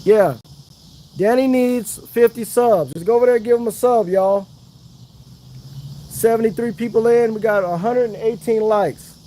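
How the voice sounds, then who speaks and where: High-voiced man livestreaming outdoors. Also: normal speed, mellow, a little hiss or hum. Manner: chatty, hypes up viewers, Southern slang. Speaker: fishing livestream host. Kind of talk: casual livestream chat. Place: outdoors by the water.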